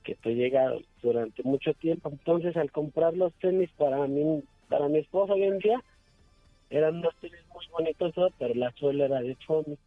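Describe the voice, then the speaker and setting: A man's voice: on the high side, moderate pace, no room sound. A man calling in to a radio show over a phone line, talking in an easygoing, plain way. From Mexico City. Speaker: radio caller. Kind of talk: casual call-in chat. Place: on the way to work. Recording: tinny phone line, faint music behind.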